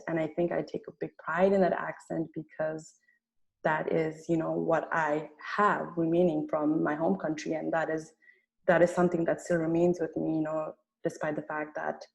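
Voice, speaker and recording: Brief: woman, medical student, earnest and halting, low flat voice with some fry, video call. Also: poor audio. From Nepal. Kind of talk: personal story on a video call.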